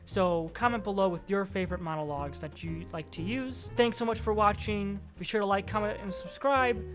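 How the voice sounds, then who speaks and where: A man's voice: high-pitched, steady tone, a little fast, music in the background. A man hosting his own vlog, giving friendly, encouraging advice on acting as an instructional talk. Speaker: acting coach vlogger.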